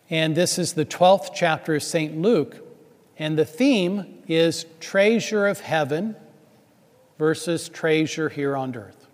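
Priest, male, slightly high voice, chatty homily full of fillers, big church, long cathedral echo. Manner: loose, chatty preaching with many fillers. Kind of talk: gospel reading and homily. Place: large church sanctuary.

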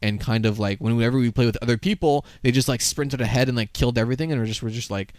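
A man's voice: mid-range voice, quick pace, darkish tone, dry recording, studio quality. A man casually chatting about games on a podcast, rambling with lots of fillers and casual swearing. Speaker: podcast co-host. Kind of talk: casual gaming chat.

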